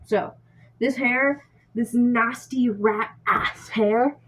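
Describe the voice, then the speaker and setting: A woman's voice: on the high side, fairly even intonation, drawn-out words, slightly rough. A young woman vlogging in a casual, rambling storytelling style, spacey and scattered, as she talks while washing dishes. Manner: spacey, scattered, self-interrupting. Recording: noisy room with dish-washing sounds. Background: scuffling and clatter of dishes.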